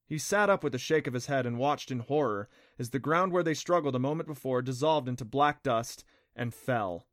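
A man narrating an adventure novel audiobook in a steady, even reading. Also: medium pitch, no room sound, clean studio sound. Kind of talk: scripted narration.

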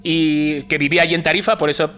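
A man's voice: fairly high pitch, fast talker. A man telling a story in a casual chat, acting out the voices in what he quotes. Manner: animated, acts out quoted dialogue.

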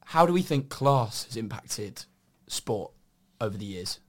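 A man's voice: on the low side, lively intonation, measured pace. A man talking through ideas as a podcast co-host. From Somerset, southern England. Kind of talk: discursive discussion.

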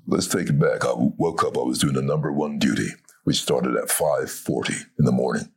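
A middle-aged man from Barbados with a deep, gravelly voice, telling a long story in a relaxed conversation and acting out the people in it. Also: a little fast. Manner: animated, acts out the voices of people in his story. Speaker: guest, voice actor.

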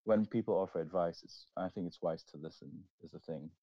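A man's voice: low voice, dull audio, background noise. A man, a DJ, chatting casually on a podcast and often stopping to restart his sentences. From Singapore. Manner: halting, with many restarts. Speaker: DJ and guest.

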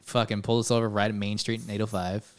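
A man retelling stories in a casual chat, animated and swearing, often laughing. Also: on the low side, fast talker.

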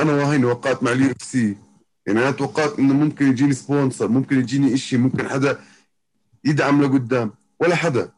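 Guy w palestinian-jordanian arabic accent, casual interview chat, raspy voice, talks quick, repeats himself. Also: mid-range voice, a little mellow, rough recording. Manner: repeats himself, circles back over phrases. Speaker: interview guest, professional MMA fighter.

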